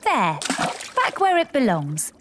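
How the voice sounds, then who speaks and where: A woman voicing a kindly, gently firm schoolteacher in a children's cartoon, sing-song and patient. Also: high voice, huge pitch swings, slow pace, noisy background, exaggerated voice.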